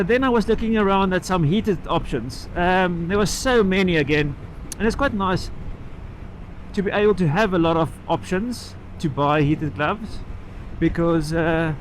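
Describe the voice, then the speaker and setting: Male moto vlogger, slightly high voice, rambling and halting, recorded inside a helmet over light road and engine noise. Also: poor audio. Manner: halting, trailing off and picking the thread back up. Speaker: motorcycle vlogger. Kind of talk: casual rambling vlog chat while riding. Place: inside a helmet on a moving motorcycle outdoors. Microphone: microphone inside the helmet.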